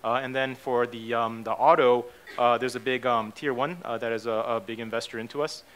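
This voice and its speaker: On stage in a hotel hall, a CEO delivering the keynote talks a little fast in a medium-pitched, clear, resonant voice that is a bit bright, with fairly even intonation. Born in Japan and raised in the United States, he keeps the presentation casual, full of fillers and "okay?" and "right?" checks.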